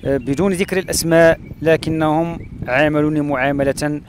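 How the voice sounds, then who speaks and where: A man from Morocco narrating his travels along a rural road and through a palm oasis, pausing often with "uh" fillers. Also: on the high side, fairly even intonation, slight background noise. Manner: hesitant, with frequent "uh" fillers and pauses. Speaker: travel vlogger.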